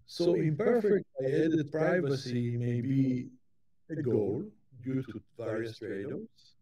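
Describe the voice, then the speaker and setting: A man giving a conference keynote lecture, talking in a halting way with frequent restarts and repeated words. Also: mid-range voice, lively intonation, mellow. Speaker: keynote speaker.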